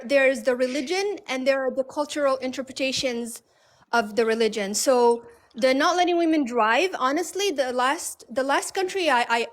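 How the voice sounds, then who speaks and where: A woman from Morocco, a guest on a live video stream, explaining patiently with many fillers over a video call. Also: high voice. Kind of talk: casual live-stream conversation.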